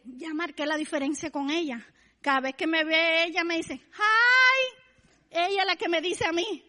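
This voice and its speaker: A fervent Cuban woman delivers a sermon, her voice very high and bright with a strong Cuban Spanish accent. She keeps circling back to a blessing refrain. The sound carries a long church-hall reverb. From Cuba. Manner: fervent, repeats blessing refrain, acts out neighbors. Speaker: preacher.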